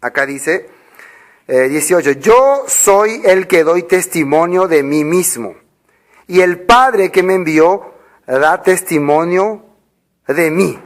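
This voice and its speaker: High-voiced preacher man. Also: expressive, takes it slowly. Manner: rhetorical questions, answering them himself; reads scripture verses aloud and explains them. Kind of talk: sermon.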